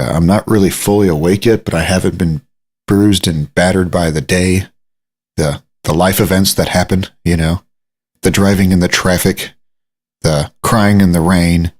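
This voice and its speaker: Man, low husky morning voice, loose rambling solo podcast host with self-deprecating asides. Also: fairly even intonation, normal speed, a little mellow. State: groggy morning voice. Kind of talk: casual solo podcast monologue. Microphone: studio microphone.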